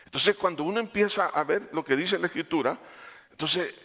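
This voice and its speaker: A man preaching a sermon, animated, rising for emphasis and dropping low, calling the listeners brother. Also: moderate pace.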